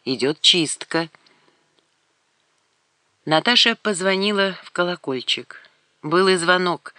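Woman audiobook narrator, measured reading, bright tone, dry close recording. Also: on the low side, no echo. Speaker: audiobook reader. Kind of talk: scripted novel narration.

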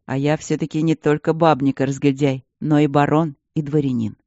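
A man's voice: on the high side, little pitch movement, fairly quick, a little mellow, dry recording, dull audio, lightly acted. A reader voicing a man nearly eighty, a cocky, jesting baron who teases a young woman playfully. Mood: teasing. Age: older. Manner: teasing, playful, boastful.

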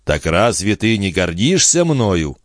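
A man voicing Balsamo, a proud, ambitious man who speaks in a measured, soothing way in an audiobook reading. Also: low voice, big pitch swings, dry recording, clean studio sound. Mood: calm. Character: ambitious man, calm, proud, tender but cool.

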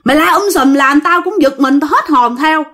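A woman voicing the eldest man of a group, brusque and telling a frightened friend to calm down. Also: sits high, normal speed, voice pushed up. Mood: urging calm. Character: eldest man, firm and calming.

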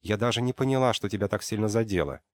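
A man voicing a stubborn, sharp-tongued young woman who answers with biting sarcasm. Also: on the low side, fast, voice pushed up, lightly acted. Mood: defiant.

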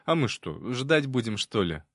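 A man's voice: mid-range voice, very animated, unhurried, a bit bright, dry recording, studio quality. A man voicing a shy young village boy in a storybook reading, timid at first and plain-spoken. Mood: childlike. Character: shy village boy, carefree once bold.

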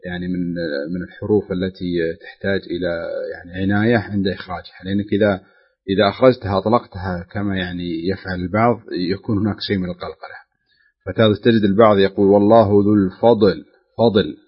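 Man, recitation teacher, low husky voice, quick corrections, dull broadcast sound. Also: fairly even intonation. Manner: corrects and demonstrates pronunciation patiently. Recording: muffled lo-fi broadcast audio.

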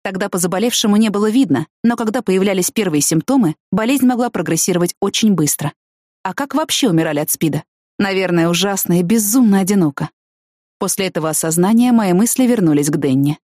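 Woman reading an audiobook, mid pitch, dry close sound, steady. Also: fast, no echo. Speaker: audiobook narrator. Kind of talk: first-person novel reading.

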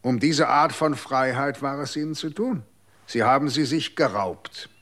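An actor playing a calm, cutting official who accuses another man in a radio drama. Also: medium pitch, a little slow. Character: cold accusing male official, unshakable.

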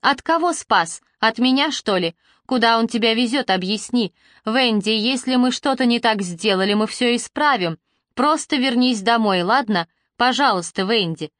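A woman's voice: fairly high pitch, animated, moderate pace, a bit bright, no room sound, clean studio sound. A woman voicing a worried, protective young man who pleads and grows agitated in a storybook reading. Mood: pleading.

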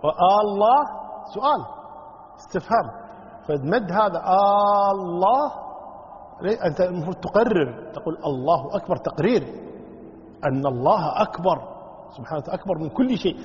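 A man's voice: a little high, animated, fast talker, long pauses. A man teaching a religious lesson as a sheikh, explaining a book of jurisprudence and acting out wrong ways of chanting, drawing out and singing the phrases. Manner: imitates wrong chants of the takbir, drawn out and sung. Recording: lo-fi, echoey hall.

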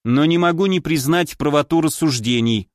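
A man voicing a cold, logical male robot in an audiobook, speaking in a measured, emotionless way. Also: a little high, no room sound, clean studio sound, lightly acted. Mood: cold, flat.

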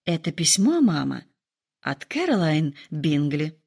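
A woman voicing a gentle, reserved young woman who speaks softly and quietly. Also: medium pitch, very animated, slow. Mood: subdued. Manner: soft, subdued.

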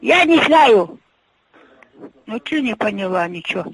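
A woman's voice: medium pitch, sing-song, measured pace, gravelly, slightly rough, dry recording, rough recording. An older woman on the phone who cannot hear well, repeating herself in confusion.

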